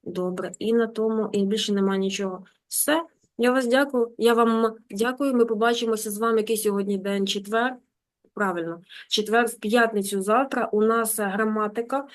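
A woman teaching German online. She reads a story aloud slowly and translates it with quick explanatory asides. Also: fairly high pitch, steady tone.

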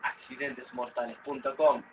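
A man's voice: medium pitch, flat delivery, moderate pace, heavy background noise. A man with a Rioplatense Spanish accent casually commentating a video game with a friend, clowning and blurting out catchphrases. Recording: muffled lo-fi, loud game music.

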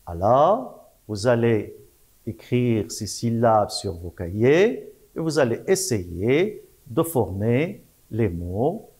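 A male primary teacher talks very slowly and patiently to small children, breaking words into syllables and saying each word again. His voice has a middle pitch but moves up and down a lot, giving each word a sing-song lift. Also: sing-song, darkish tone. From Morocco. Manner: spells out syllables slowly, repeats words, praises often. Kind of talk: slow, patient French lesson for young children.

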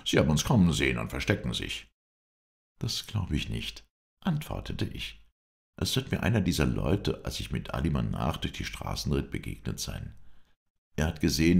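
A man narrates an old adventure novel in a very deep, gravelly voice. His pitch moves in a lively way as he tells the story and lifts it to voice the speakers. The reading is steady and measured. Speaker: audiobook narrator.

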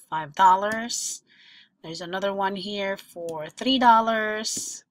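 A woman's voice: mid-range voice, a bit bright. A woman presenting a screen-share tutorial, talking through each example step by step in an explanatory way.

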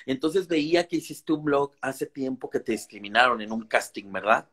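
A man's voice: mid-range voice, animated, moderate pace, fairly bright tone. A man from Mexico interviewing a guest over a live video call, admiring and wordy, with many fillers. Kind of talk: casual interview chat.

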